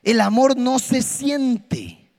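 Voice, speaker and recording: Male preacher, emphatic sermon, unhurried delivery, echoing hall. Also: very high-pitched, big pitch swings, vocal fry. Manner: impassioned, emphatic, swings between soft and loud. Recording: long hall reverb with faint music.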